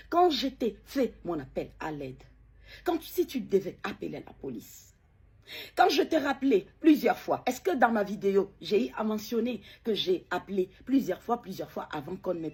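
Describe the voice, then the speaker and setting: Her voice is medium-pitched with a darkish, breathy quality. A grieving middle-aged mother, she recounts her story emotionally and haltingly, with frequent pauses and repeated words.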